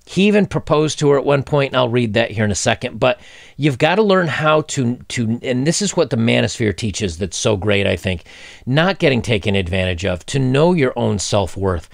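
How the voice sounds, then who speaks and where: A man's voice: mid-range voice, vocal fry, no room sound, studio quality. A man in his forties giving blunt, opinionated commentary while reading a news story aloud, with mocking asides. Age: 40s.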